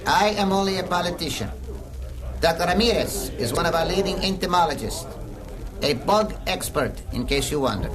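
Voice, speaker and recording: A government defense minister in an old radio show. His voice is high for a man and formally oratorical, with a crowd audible behind him. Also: expressive, normal speed, rough recording. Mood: grave. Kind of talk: old radio show drama acting, public speech. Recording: crowd murmur behind the speech.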